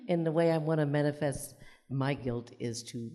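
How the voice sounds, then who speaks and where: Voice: mid-range voice, moderate pace, warm tone. A participant in a live group discussion sharing their feelings openly and with resolve. The voice carries the long reverb of a conference hall. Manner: open, emotional, resolute. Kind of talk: personal testimony in a group discussion. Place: conference room at a live event.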